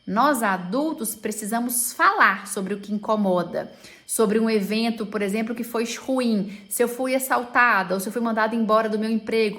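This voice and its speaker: A woman educator giving an informal talk on children's free play and telling a personal story, with many diminutives and a pace that stretches and rushes. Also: a little high, a bit bright.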